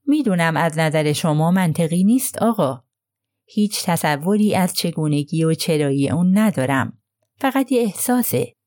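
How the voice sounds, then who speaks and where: A woman voicing a plain, earnest young male mechanic who speaks haltingly and apologetically, groping for words. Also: fairly low pitch, expressive, dark tone, no room sound, clean studio sound, lightly acted.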